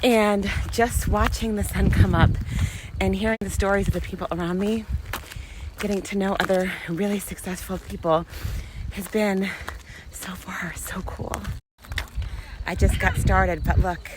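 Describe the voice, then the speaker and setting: An enthusiastic woman talks into her phone as she walks a mountain trail, keeping an upbeat, motivational tone and laughing often. Her pitch sits at an ordinary middle level. Clear outdoor ambience and passing vehicles run under her voice. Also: steady tone, a little slow, long pauses. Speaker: vlogger. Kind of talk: motivational vlog while hiking. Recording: outdoor noise with passing traffic.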